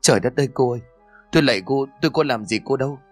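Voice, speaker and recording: A man's voice: medium pitch, racing, slightly rough, soft background music, voice pushed up, natural voice. A man voicing an easygoing young man in a horror audio story, casual and polite with his elders. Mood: terrified.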